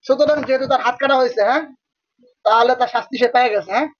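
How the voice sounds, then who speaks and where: A man teaching a religious-school class, quizzing students and repeating their answers, sometimes dictating slowly. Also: very high voice, dull audio, faint music behind. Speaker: madrasa teacher. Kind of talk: classroom lecture with call-and-response questions.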